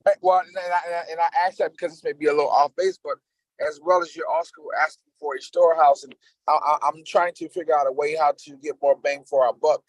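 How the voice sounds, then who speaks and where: A man on a remote call asks questions at a public board meeting, halting and repeating words as he gropes for phrasing. His voice is a little high and the sound is dry and close. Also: fairly even intonation, no room sound, low-quality recording. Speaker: board member. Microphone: remote call connection.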